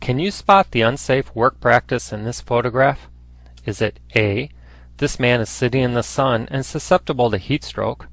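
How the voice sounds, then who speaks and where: A man's voice: mid-range voice, normal speed, a bit bright. A man reading scripted instructional narration in a formal, instructive manner. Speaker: training narrator.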